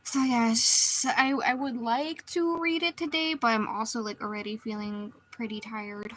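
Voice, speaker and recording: Woman streamer, slightly high voice, meandering casual chat over drawing, desk mic. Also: fairly even intonation, unhurried, fairly bright tone, poor audio. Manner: rambling, meandering, many restarts.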